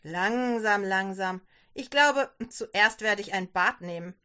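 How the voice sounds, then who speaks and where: A woman voicing a stern middle-aged merchant father who gets angry and scolds loudly. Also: mid-range voice, slow pace, smooth. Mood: jovial. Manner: loud, scolding, dismissive.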